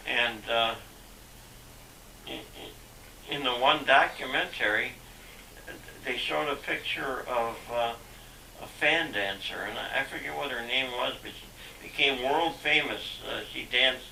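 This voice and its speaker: Older man, gravelly and sharp-toned, halting talker, heard from a distance on a hissy old VHS home video tape. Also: medium pitch, roomy sound. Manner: halting, with many fillers and restarts. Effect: old VHS home video sound. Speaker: father being interviewed. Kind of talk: reminiscing home interview.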